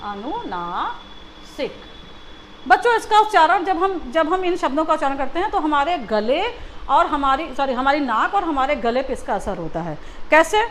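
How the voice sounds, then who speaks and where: A woman's voice: high voice, expressive, a little fast, a bit bright, a little hiss or hum. A woman teacher giving a Hindi lesson to young children, patiently asking and repeating questions. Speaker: school teacher.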